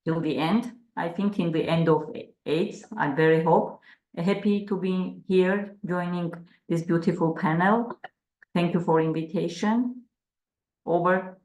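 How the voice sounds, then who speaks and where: A woman in her fifties with an Armenian accent, a medical doctor presenting earnestly with some hesitations on a video call. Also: lowish voice. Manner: earnest, halting, with fillers. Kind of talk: webinar introduction and presentation. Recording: roomy echo on a video call.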